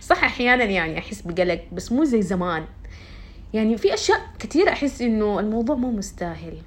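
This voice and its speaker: A woman's voice: medium pitch, big pitch swings, fast. A young woman, chatting casually and confidingly to her followers and dropping in English words. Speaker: vlogger.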